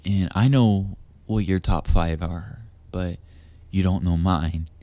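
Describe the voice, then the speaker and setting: A voice actor speaks straight to the listener in a hushed, teasing, deliberate way, as in an intimate audio roleplay, close on the mic. His voice sits low with a steady tone, and the recording is dry.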